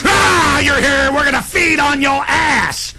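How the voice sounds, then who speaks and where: A man putting on a sneering, menacing bully cop who taunts and gloats in a shouted delivery. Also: extremely high pitch, slow, loud music behind the voice, voice pushed up, full character voice, low-quality recording. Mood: menacing gloating.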